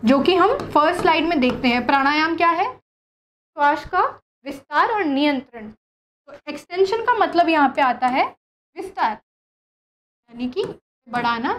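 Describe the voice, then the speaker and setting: High-pitched woman teacher, flips between hindi and while going over a lesson with students. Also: lively intonation, measured pace, pauses often, fairly bright tone. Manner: mixes Hindi and English, repeats terms, asks students questions. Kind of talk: recorded class lesson, revision.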